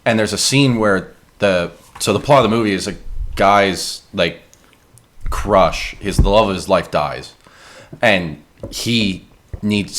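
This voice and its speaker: A young man co-hosting a casual podcast, telling a story in a relaxed way with many pauses and ums. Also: low voice. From Canada. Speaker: podcast co-host. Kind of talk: casual chat.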